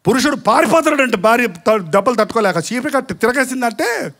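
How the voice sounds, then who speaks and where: High-voiced preaching man. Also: lively intonation, fairly bright tone. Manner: rhetorical questions to the congregation, with mocking asides; slow, emphatic listing of sins. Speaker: pastor. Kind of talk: live sermon.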